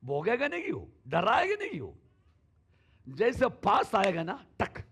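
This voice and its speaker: A male pastor preaching a sermon in a church, shifting between sudden loud calls and soft asides. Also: high voice, wildly swooping pitch, a little slow, breathy edge.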